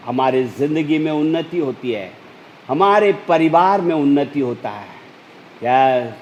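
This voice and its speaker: Male preacher, deliberate slow sermon delivery, emphatic swells, light background noise. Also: medium pitch, darkish tone, low-quality recording. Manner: slow, emphatic preaching with rising urgent peaks. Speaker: pastor.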